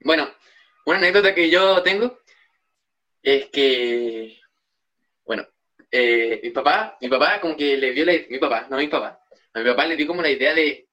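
A man's voice: a little high, normal speed, long pauses, bright, forceful tone, lo-fi sound. A young man with a Chilean Spanish accent, co-hosting a podcast and telling stories in a rambling casual way. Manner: rambling storyteller with restarts. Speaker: podcast co-host. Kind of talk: casual chat.

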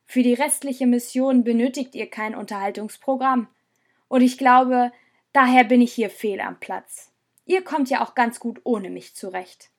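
Brief: resentful young man, quietly bitter; female narrator voices him, slightly high. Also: measured pace. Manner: resentful, reproachful. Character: hurt, bitter young man leaving his friends. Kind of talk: audiobook character voice.

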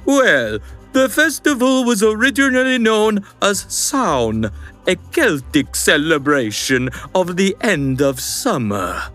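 Guy doing a gloating vampire count w/ a fake transylvanian accent, slightly high voice, slow and drawn out. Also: sing-song, fairly bright tone, faint music behind, exaggerated voice. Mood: hammy, gloating. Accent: put-on Transylvanian. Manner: dramatic, with gloating laughs. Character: theatrical male vampire count, hammy and gleeful. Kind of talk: kids' quiz show sketch.

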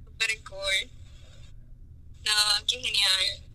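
A woman interviewing two musicians in a casual chat, upbeat with quick reactions. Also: mid-range voice, steady tone, background noise.

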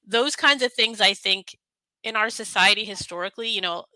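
A woman's voice: medium pitch, normal speed, sharp tone, dry recording, low-quality recording. A woman hosting a conversational interview, thoughtful and hedging with frequent fillers. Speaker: podcast host.

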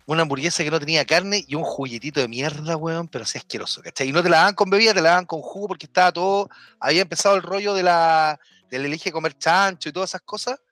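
A man with a Chilean accent, co-hosting a casual podcast chat and telling an animated story full of swearing. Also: a little high, quick pace, no room sound, soft background music. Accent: Chilean Spanish. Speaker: podcast co-host.

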